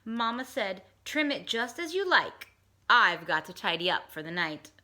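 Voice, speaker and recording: This is a storybook read-aloud by a middle-aged woman, a teacher sharing a rhyming picture book with kids at a relaxed pace. Her tone is bright and somewhat high, with big, sing-song pitch swings as she voices the characters.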